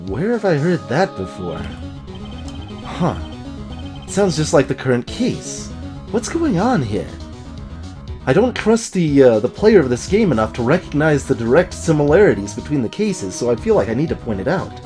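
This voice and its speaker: A man with a somewhat high, warm, sing-song voice performs game dialogue dramatically at a moderate pace during a let's play. He keeps adding playful, wry asides, and faint music sits behind him.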